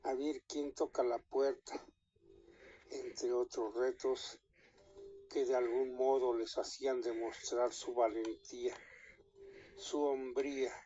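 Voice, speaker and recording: Flat-voiced Mexican man telling a story. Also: mid-range voice, slightly rough, lo-fi sound, soft background music. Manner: unhurried, with small restarts mid-sentence.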